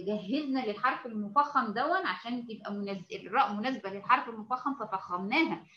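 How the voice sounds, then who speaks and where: Egyptian woman teacher, fairly high voice, repetitive and patient, lo-fi recording. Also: bright, forceful tone, slight background noise. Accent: Egyptian Arabic. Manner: patient, repetitive, checks understanding often; stretches out example words slowly. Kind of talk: online lesson to female students.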